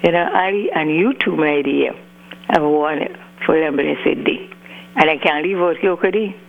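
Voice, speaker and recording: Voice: mid-range voice, moderate pace, vocal fry. A caller with an Antiguan accent, heard over a clipped phone line, rambling through birthday greetings and stringing names together with frequent "you know". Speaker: radio call-in caller. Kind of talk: birthday shout-outs on a call-in show. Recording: faint humming phone line.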